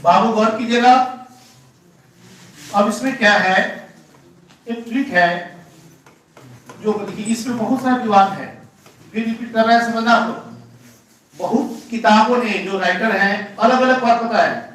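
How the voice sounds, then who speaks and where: A man's voice: high-pitched, measured pace, pauses often, fairly bright tone. A man teaching an English grammar class, repeating his points and posing questions to his students. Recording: very echoey room, voice from far off the mic.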